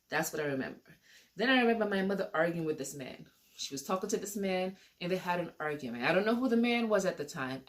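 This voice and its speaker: A woman telling a personal story to camera in a casual, rambling way, repeating and restarting her sentences. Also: lowish voice.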